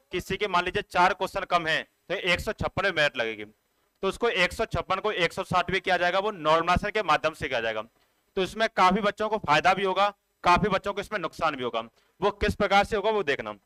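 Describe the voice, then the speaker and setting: A coaching teacher gives students an informal exam update, explaining things in a repetitive, instructive way and addressing them directly. His voice sits high and sounds bright, forceful, and smooth, with no echo, though the recording quality is low.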